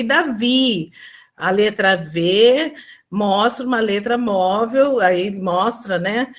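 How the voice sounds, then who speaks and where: With a mid-range, somewhat bright voice, a woman describes her classroom experience at an online teaching symposium. She talks hesitantly, restarting often and using plenty of fillers, and acts out teacher and pupil lines slowly.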